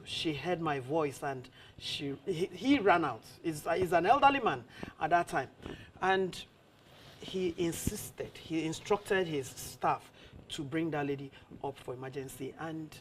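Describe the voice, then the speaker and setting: Nigerian woman, talk show host, low-pitched for a woman, lively interviewer. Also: slight background noise. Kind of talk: interviewing a guest.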